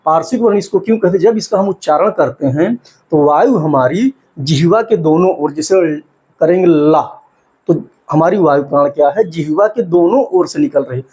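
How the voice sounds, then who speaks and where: A man teaching an exam-prep class in a husky, slightly high voice. He poses a question and answers it himself, then slows down to sound out syllables one by one. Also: animated, a little mellow.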